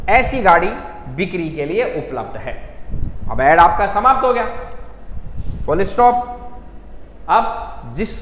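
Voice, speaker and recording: High-voiced man teaching in an echoey room. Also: a bit bright. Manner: slow, repetitive explaining with frequent emphasis. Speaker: English teacher. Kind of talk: classroom lesson.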